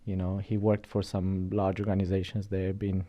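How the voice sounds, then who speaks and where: A Romanian man with a Romanian accent chats as a podcast guest in a casual interview, telling stories about his career in a chatty way, frequently restarting and tacking on "right?". His deep, mellow voice is completely flat at a moderate pace, with lo-fi sound.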